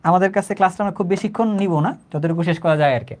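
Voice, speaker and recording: Male tutor, rapid and chatty online lecture, keeps asking if it's clear. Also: high-pitched. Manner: conversational, repeats phrases, checks understanding often. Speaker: chemistry teacher.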